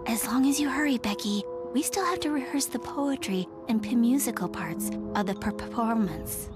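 A woman voicing a sensitive, dreamy young girl artist in a cartoon, breathy and precious in her deliberate phrasing. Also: a little high, expressive, loud music behind the voice, lightly acted. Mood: hurt, stern. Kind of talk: animated cartoon voice acting.

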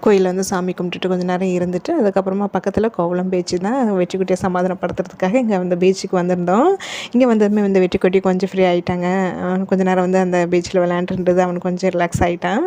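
A woman tells her day in a quick, chatty flow, leaning on fillers as she goes. Her voice sits a little low and has a mellow, soft tone. It is a relaxed, casual vlog narration. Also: a little hiss or hum. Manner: chatty, colloquial, many fillers. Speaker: vlogger.

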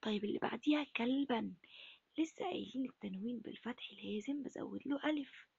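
A woman teaching Arabic to first graders in an Egyptian accent, asking questions and answering them herself in a breathy, half-whispered voice. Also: fairly high pitch, fast, a little mellow, dry recording, muffled recording. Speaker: primary school Arabic teacher. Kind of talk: recorded lesson for first graders.

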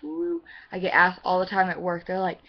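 Young american girl rambling casually to her webcam, kinda low voice, muffled cheap audio. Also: very animated, moderate pace, vocal fry. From Missouri, United States. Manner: rambling, self-deprecating. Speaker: vlogger answering a questionnaire. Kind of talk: casual chat to camera. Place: room in a house. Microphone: webcam microphone.

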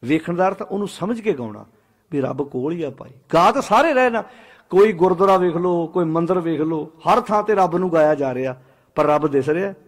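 Man, Sikh sermon, high-pitched, swings from loud exhortation to quiet asides, chants scripture slowly, stage mic. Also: expressive. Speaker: Sikh preacher. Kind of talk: Punjabi sermon with sung scripture.

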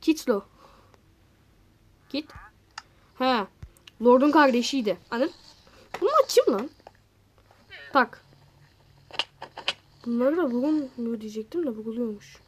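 A woman hosting a gaming channel, giving casual, excitable gameplay commentary, talking straight to her viewers and exclaiming at other players. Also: on the high side, slow, pauses often, slight background noise.

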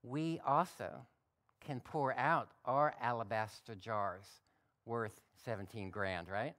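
A man's voice: mid-range voice, a bit bright. Man preaching a folksy sermon. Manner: folksy, conversational preaching with reading aloud. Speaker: pastor. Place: church.

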